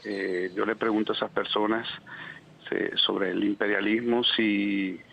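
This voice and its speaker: A man's voice: fairly low pitch, level tone, measured pace, creaky. A Venezuelan man with a Venezuelan Spanish accent, calling in by phone to a news interview, answering earnestly and argumentatively with many hesitations. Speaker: phone guest, Venezuelan community representative. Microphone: telephone line. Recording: dull lo-fi phone line, faint noise.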